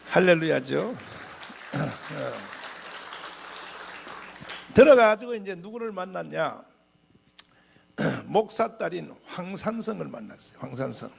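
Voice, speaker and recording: A male pastor delivering a sermon as an animated story, often clearing his throat. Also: a little high, slight background noise.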